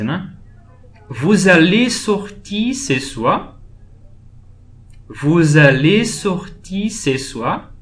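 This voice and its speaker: A man explaining French grammar in a slow, patient lesson, saying each example phrase twice. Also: fairly high pitch, fairly bright tone. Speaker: French teacher. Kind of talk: screen-based language lesson.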